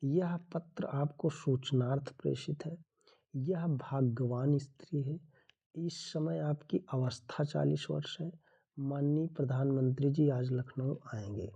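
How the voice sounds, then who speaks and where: A man's voice: medium pitch, measured pace, vocal fry, warm tone, breathy edge. A man teaching a Hindi grammar lesson for an exam, going through the answers one by one in an explanatory way.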